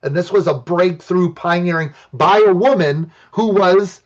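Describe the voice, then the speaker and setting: A man's voice: high-pitched, measured pace. Enthusiastic man from Illinois lecturing over a call. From Illinois, USA. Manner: enthusiastic, conversational storyteller. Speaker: archaeologist giving a talk. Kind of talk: lecture with personal anecdotes. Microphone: computer mic on a video call. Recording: dull lo-fi video call audio.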